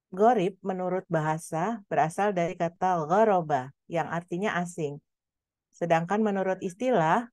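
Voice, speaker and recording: A woman teaching a Quran recitation lesson, explaining patiently and drawing out example words slowly. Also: lowish voice, a little mellow, no room sound, studio quality. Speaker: tajwid teacher.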